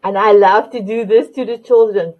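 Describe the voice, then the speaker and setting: A woman's voice: medium pitch, steady tone, normal speed. A woman hosting a motivational talk show, calling viewers her beautiful ones and sometimes searching for an English word. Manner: warm, repetitive terms of endearment, searching for English words. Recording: phone-line quality audio.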